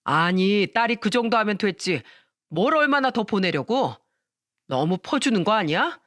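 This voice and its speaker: A woman's voice: medium pitch, big pitch swings, normal speed, fairly bright tone, no echo, clean studio sound. A woman voicing a stingy, money-obsessed middle-aged husband who talks in a curt, dismissive way. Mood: scornful.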